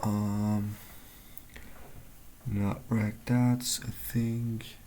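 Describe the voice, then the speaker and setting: A man's voice: fairly low pitch, little pitch movement, extremely slow, mellow, a little hiss or hum. A man in a coding walkthrough, thinking aloud and searching for words, often trailing off mid-sentence. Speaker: tutorial maker.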